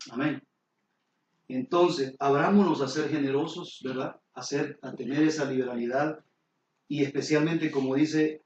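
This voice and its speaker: A middle-aged man, preaching a sermon as pastor with lively storytelling and questions to the congregation. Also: fairly high pitch, slight background noise. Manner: animated storytelling, sudden exclamations, rhetorical questions to the congregation. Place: church sanctuary. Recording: roomy hall, distant mic, dull and lo-fi.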